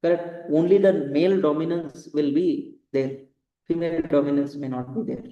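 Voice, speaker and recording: Speaking at a moderate pace with a steady tone and a fairly high pitch, this Indian-accented man teaches a class, going over key points again and frequently checking comprehension with questions like "right?" and "correct?". The highs are cut off, there's roomy echo, and his voice is far from the microphone.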